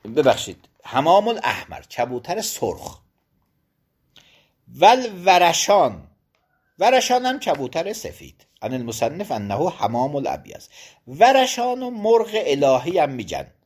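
A man's voice: on the high side, big pitch swings, pauses often, a little mellow, breathy edge. A man giving a religious studies lesson. He reads out Arabic legal phrases and explains each one in Persian.

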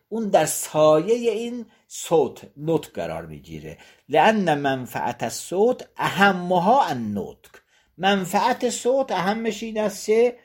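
A man teaching as a seminary lecturer. He reads Arabic passages aloud, then explains them in plain terms, repeating and rephrasing his points with frequent pauses. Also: fairly high pitch, a little mellow, breathy edge. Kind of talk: teaching a text on Islamic law.

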